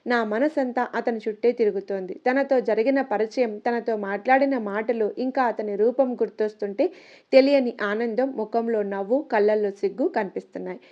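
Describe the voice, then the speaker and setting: A woman's voice: on the high side, moderate pace, dark tone. Young woman narrating a story, muffled audio. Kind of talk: first-person story narration. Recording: muffled lo-fi recording.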